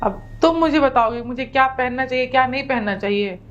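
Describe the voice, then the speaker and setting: An actress playing a bossy young wife who gives her husband sharp orders. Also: high voice, fairly quick, muffled recording, soft background music. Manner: commanding, sharp.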